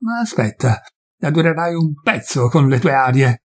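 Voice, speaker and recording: A man voicing a desperate poor peasant who rages and pleads, his husky voice pushed high. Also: sing-song, moderate pace. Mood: furious. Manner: shouting, raw and pleading.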